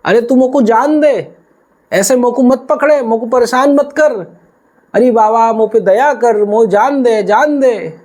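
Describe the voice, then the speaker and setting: A young cowherd boy begs to be let go home in a whiny, rustic voice, as a man puts him on. The voice sits high yet soft and mellow, and the pleading comes slowly. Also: heavily acted. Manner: whiny, pleading, in Braj village speech.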